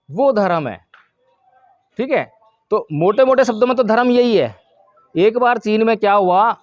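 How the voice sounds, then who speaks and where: A man's voice: high-pitched, no room sound, studio quality. A man teaching a group about Buddhist practice, explaining patiently and putting questions to his listeners. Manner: explanatory, asks the audience questions. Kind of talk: Dharma talk to a group.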